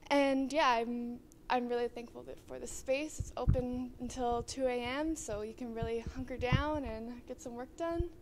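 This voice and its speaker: High-voiced young woman giving a tour. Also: fairly even intonation, normal speed, few pauses, slight background noise. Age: young adult. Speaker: student. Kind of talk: guided video tour.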